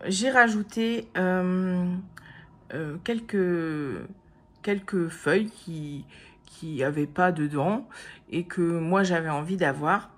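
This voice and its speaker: A woman vlogger chatting casually to camera, slow and unhurried, often pausing on fillers and starting over. Her voice sits somewhat low, and she gushes enthusiastically about what she shows. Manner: hesitant, many fillers and restarts; enthusiastic, gushing praise. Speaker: vlogger showing crafts and purchases.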